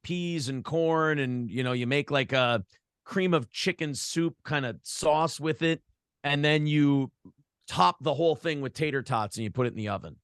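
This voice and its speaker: As an interview guest, an American podcast and morning show host from Minnesota tells rambling stories in a blunt, profane style. His voice is fairly high and clean-toned at a moderate pace, captured in a dry, studio-quality recording.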